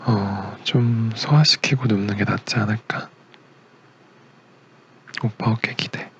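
A young man acting as a gentle, doting boyfriend in a romantic ASMR role-play, a tender leading man with a soothing, murmured, partly whispered delivery. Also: fairly low pitch, a little slow, highs cut off, a little hiss or hum. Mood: soft, content. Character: doting, gentle young boyfriend caring for his sick girlfriend.

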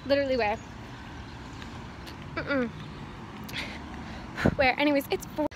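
A woman's voice: high voice, steady tone, slow pace. A teenage girl rambling casually and profanely into her phone while walking down a town street, laughing at herself. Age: teens. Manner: rambling, profane, self-mocking, frequent laughs. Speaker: vlogger. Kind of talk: casual walk-and-talk vlog. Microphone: phone at arm's length while walking. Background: faint street noise and a weed whacker.

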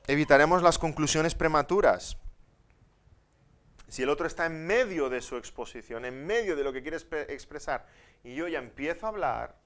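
A male pastor teaching at a Bible conference in a conversational way. He counts off numbered points and keeps checking with the audience through tag questions. He swings from soft asides to loud, emphatic points. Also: fairly high pitch, animated, moderate pace.

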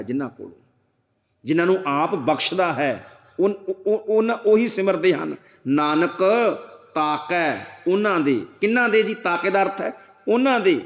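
A man with a Punjabi accent giving a sermon to a congregation, earnestly explaining and chanting scripture slowly. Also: high voice. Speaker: Sikh preacher giving katha. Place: gurdwara hall with congregation. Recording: echoey hall reverb.

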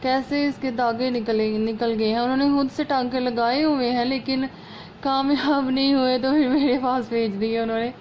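A female sewing host explains a home repair step by step in a casual, chatty, homely way while working, her throat sore and slightly hoarse. She speaks in a high voice with fairly even intonation at normal speed. The recording, from a phone camera above her hands at a work table at home, is muffled and lo-fi with faint room noise.

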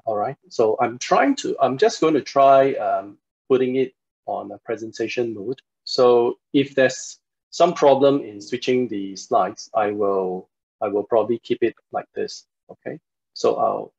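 Through dull, lo-fi video call audio from a computer mic, a man from Singapore in his forties delivers an online university lecture, hesitant and courteous with lots of fillers. His mid-range voice is creaky, husky, and a little mellow, and he talks a little slowly.

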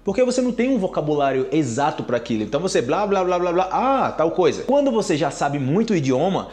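A man's voice: a little high, very animated, fast, a little mellow. A young Brazilian man with a Brazilian Portuguese accent, teaching a casual video lesson and animatedly repeating phrases to show how they sound.

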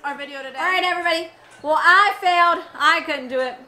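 A woman's voice: very high-pitched, fast talker, sharp tone. A woman in her thirties casually hosting a family challenge video, recorded across a table at home. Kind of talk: casual vlog chat. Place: home dining room. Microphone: camera across the table.

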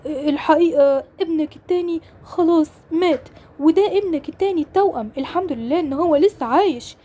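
A woman's voice: extremely high pitch, a little fast, mellow. A woman with an Egyptian accent voicing a male hospital nurse who breaks sad news hesitantly, in a toy-game role-play drama. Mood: solemn. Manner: hesitant, solemn.

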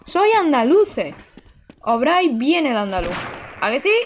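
Brief: young female streamer from Barcelona, chatty and exclamatory, slightly high voice, desk mic. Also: sing-song, a little slow, a little hiss or hum. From Barcelona, Spain. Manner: chatty, exclamatory, giggly, answering chat. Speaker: game streamer. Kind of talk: casual live-stream chat while gaming. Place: indoor room.

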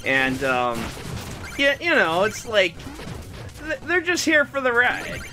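Rambling, stammering let's play host. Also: male voice, very high voice, huge pitch swings, takes it slowly, pushed and bright, soft background music. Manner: rambling, stammering, self-deprecating. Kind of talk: casual gameplay commentary.

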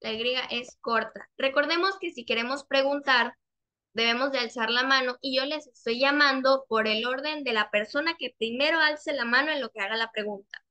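A young woman teaching a class over a video call, with a high and bright voice. She is patient and repeats her questions. She stretches each example word out slowly so that the learners can hear it. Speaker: English teacher. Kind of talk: online class instruction.

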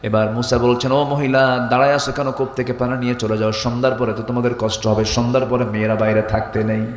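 A man giving a sermon, telling a story in a sing-song preaching voice that swings from loud high calls to low murmurs. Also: level tone, fast. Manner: acts out the figures' lines within the story. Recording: echoey hall, heard from far off.

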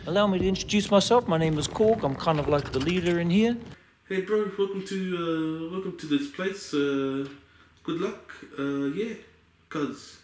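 A man's voice: a little high, moderate pace, roomy sound, slight background noise, pitched above the performer's own voice, natural voice. A man putting on a friendly rock creature with a Kiwi accent. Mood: laid-back. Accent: New Zealand. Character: gentle chatty male rock creature.

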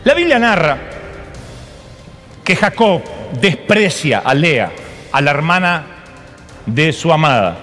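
High-voiced comic preacher in a big hall. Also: male voice, takes it slowly, long pauses, faint music behind. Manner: animated, comic storyteller with asides to the audience. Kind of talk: humorous sermon storytelling. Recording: long hall reverb, live sermon.

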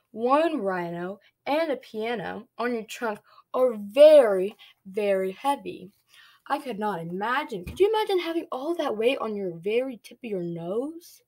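A young woman with a mellow, fairly high voice acts as a preschool read-along storyteller. She reads a picture book to small children indoors in a small, dim bedroom, stopping to explain and ask them things.

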